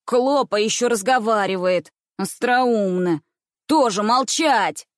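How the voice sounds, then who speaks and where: A woman's voice: mid-range voice, unhurried, no room sound, studio quality, natural voice. A woman doing a bratty mocking schoolboy. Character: bossy, mocking schoolboy, older brother.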